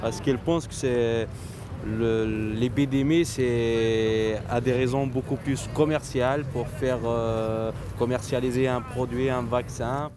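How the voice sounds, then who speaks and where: A young man answers a street interview outdoors, unhurried and halting. City traffic is clearly heard behind him. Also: mid-range voice, fairly even intonation.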